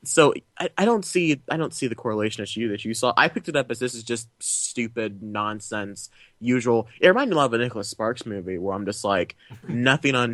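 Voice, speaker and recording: A man's voice: medium pitch, no room sound. Teen guy on a movie podcast, keeps restarting himself, dry close sound. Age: teens. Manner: excitable, restarts a lot, laughs often. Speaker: podcast co-host. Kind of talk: casual chat.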